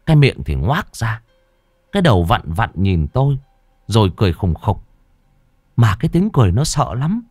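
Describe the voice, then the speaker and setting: A man's voice: lowish voice, sing-song, normal speed, pauses often, darkish tone, dry recording, studio quality. A man reading a ghost story aloud with a dramatic, suspenseful delivery. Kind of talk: scripted horror narration.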